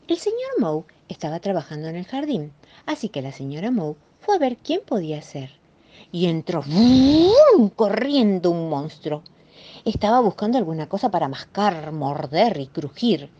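A woman telling a children's story in a playful, expressive way, on a dull lo-fi recording. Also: lowish voice.

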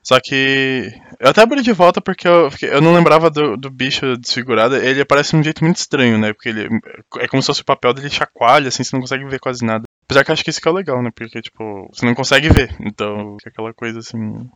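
Guy talking fast on a podcast, dry sound. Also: medium pitch, fairly bright tone, no room sound. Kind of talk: casual chat.

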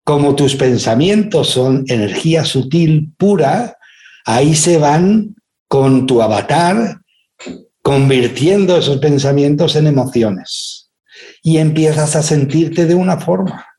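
A man with a somewhat high yet mellow voice delivers an inspirational lecture. He keeps asking his listeners rhetorical questions and briefly acts out the voices in his stories. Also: lively intonation, takes it slowly. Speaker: speaker giving a talk.

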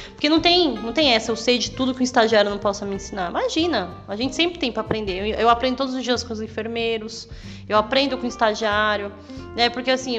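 Young woman vet talking fast and blunt, highish voice, faint music behind. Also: fairly bright tone, dull audio. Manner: emphatic and outspoken, swears freely. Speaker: veterinarian guest. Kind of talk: casual podcast chat.

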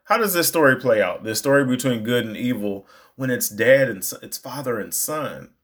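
A young adult man telling a personal story in a casual, animated way, rambling and restarting his sentences as he goes. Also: medium pitch, moderate pace. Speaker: storyteller recounting a movie outing.

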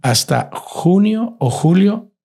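A man's voice: high voice, sing-song, slow pace, gravelly, dark tone. A middle-aged man telling his grown child a reflective story about his marriage, slipping English words into his talk. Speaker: father and husband, guest. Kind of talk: casual family conversation.

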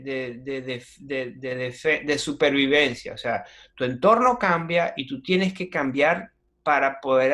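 Man, Venezuelan accent, comedian guest, animated slangy storytelling, stumbles and restarts, fairly high voice. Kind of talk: casual interview chat.

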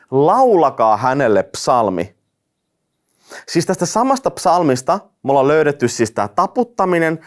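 A male preacher teaching in a lively, animated way, his pitch rising and falling a lot. He reads verses aloud and slips in dry jokes between points. He speaks with a mid-range voice. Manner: lively, joking asides, reads scripture aloud. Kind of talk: sermon teaching.

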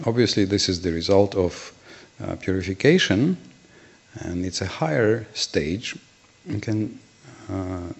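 A man giving a scripture class, chanting Sanskrit verses and explaining them word by word, often clearing his throat. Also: fairly low pitch.

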